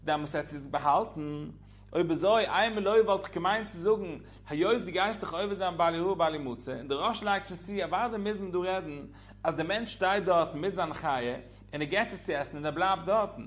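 A man's voice: high voice, a little fast. A man giving a religious law lesson in a sing-song, swooping teaching cadence.

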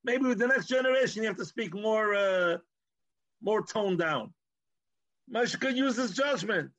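A man's voice: sits high, a little slow, fairly bright tone, no room sound. A man with a Yiddish-inflected accent giving an informal Torah lecture, arguing through rhetorical questions and repeating words as he goes. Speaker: Torah teacher.

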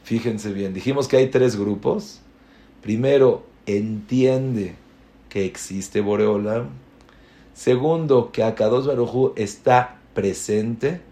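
Man, gravelly teacher's voice, slow emphatic religious lecture, roomy echo. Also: fairly low pitch, dark tone. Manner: emphatic, mixes Hebrew terms into Spanish, rhetorical questions. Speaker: rabbi giving a Torah class.

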